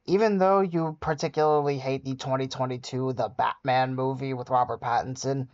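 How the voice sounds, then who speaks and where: A man's voice: mid-range voice, fairly even intonation, normal speed, a little mellow, dry recording. Man, reaction commentary, sarcastic and scolding, dry room, muffled lo-fi sound. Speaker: commentary YouTuber.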